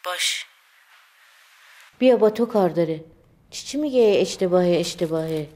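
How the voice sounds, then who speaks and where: A woman's voice: medium pitch, sharp tone, lightly acted. An actress playing a confused, frail elderly mother who talks in a vague, hesitant, distracted way.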